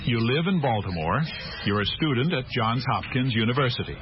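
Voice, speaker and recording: A man's voice: medium pitch, animated, brisk, lightly acted. A man playing a friendly, inquisitive reporter. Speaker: language course dialogue actor. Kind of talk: scripted textbook dialogue. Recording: dull lo-fi tape with audible hiss.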